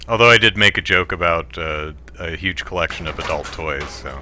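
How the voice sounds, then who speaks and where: Let's play host, male, lowish voice with a sharp bright edge, wry running jokes. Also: moderate pace, slight background noise. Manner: wry, joking, reads viewer comments aloud. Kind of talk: casual gameplay commentary.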